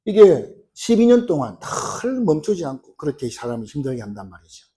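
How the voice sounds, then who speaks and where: Korean pastor preaching with dark tone. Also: male voice, fairly high pitch, sing-song, brisk. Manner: storytelling, acting out quoted cries with rising force; frequent "어" fillers and restarts. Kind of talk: sermon. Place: church sanctuary.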